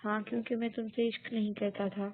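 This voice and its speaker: A woman voicing a calm, self-assured young husband who speaks matter-of-factly. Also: medium pitch, close to an everyday voice. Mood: cool. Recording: tinny phone-like audio.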